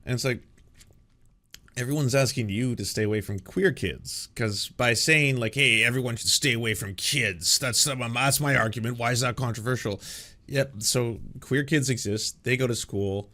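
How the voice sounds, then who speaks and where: A man with a mid-pitched voice talks off the cuff as a political commentator. He is emphatic and halting, circling back on his phrases and slipping into mocking paraphrase. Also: sharp tone.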